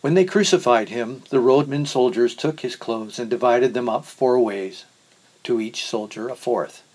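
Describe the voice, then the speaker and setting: A man giving a measured, solemn reading of scripture. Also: mid-range voice, a little mellow, husky, poor audio. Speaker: scripture reader.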